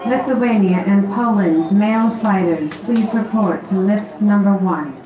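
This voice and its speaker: A woman making formal, measured tournament announcements over a PA system, repeating each call. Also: medium pitch. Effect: amplified over a PA system. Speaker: tournament announcer calling fighters. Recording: echoing distant PA, loud crowd.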